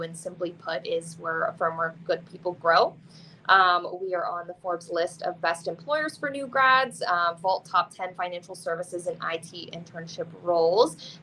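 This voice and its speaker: Bright-voiced woman giving an upbeat recruiter pitch. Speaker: campus recruiter. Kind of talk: webinar recruiting presentation. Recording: clearly noisy background.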